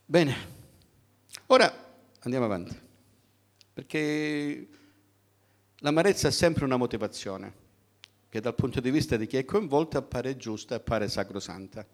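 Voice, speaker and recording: A middle-aged man delivers a sermon to his congregation. His tone is conversational and direct, with frequent rhetorical questions and pauses for the listeners to respond. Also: medium pitch, lively intonation. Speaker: preacher.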